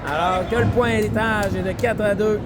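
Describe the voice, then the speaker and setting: High-pitched Quebec man, excited hockey commentary. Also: normal speed, music in the background. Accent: Quebec French. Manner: excited calls, shouting on shots and goals. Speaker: amateur hockey play-by-play commentator filming the game. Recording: noisy arena crowd and ambient din. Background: crowd and loud rink noise.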